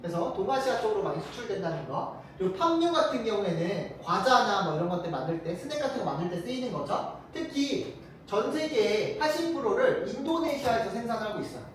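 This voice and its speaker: A teacher giving a casual classroom lecture, firing quick rhetorical questions at the students. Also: medium pitch, big pitch swings, a little hiss or hum. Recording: very echoey room, mic far off.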